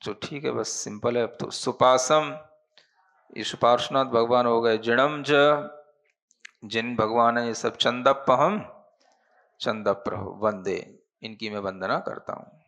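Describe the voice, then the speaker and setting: A man's voice: medium pitch, creaky, a bit bright. A man teaching a Prakrit grammar class, patient and explanatory, often checking with his students that they follow. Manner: slow, patient, checks understanding with "है ना?". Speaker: Jain monk teaching Prakrit.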